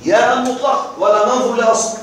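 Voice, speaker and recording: Male grammar teacher, high voice, drills and checks the class, distant mic with faint hiss. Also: fairly even intonation, a little fast. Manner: drills verb forms aloud, asks students if it is clear. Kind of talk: classroom lesson. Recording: echoey room, distant mic, faint noise.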